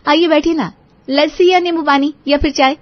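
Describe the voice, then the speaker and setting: A woman's voice: high voice, fairly even intonation, normal speed, dry recording, highs cut off, close to an everyday voice. A woman voicing a sweet, shy, devout young bride in a cartoon, speaking politely and respectfully.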